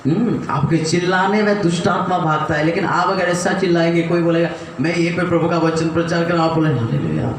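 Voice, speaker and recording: A man's voice: a little high, flat delivery, a little fast, hardly any pauses, far from the mic, slight background noise. A man preaching a sermon as pastor, leading the congregation in call and response. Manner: call-and-response preaching, urging the crowd to shout. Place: church hall. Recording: echoey hall, mic from afar.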